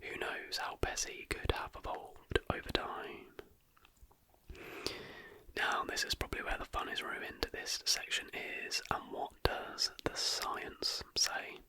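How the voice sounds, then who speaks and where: Whispering the whole way through, an ASMR host reads a scripted narration at a slow pace, never using a full voice. The sound is bright and airy, and the delivery remains soft throughout.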